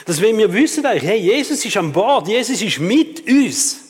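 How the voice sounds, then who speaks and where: A man preaching a sermon with a Swiss German accent, lively and rhetorical, often asking the audience questions. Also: high-pitched, moderate pace. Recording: long reverb of a hall.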